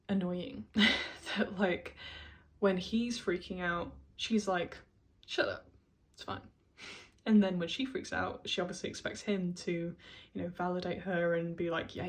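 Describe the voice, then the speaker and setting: A woman talking through a casual video essay, chatty, with many fillers and frequent laughs. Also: lowish voice.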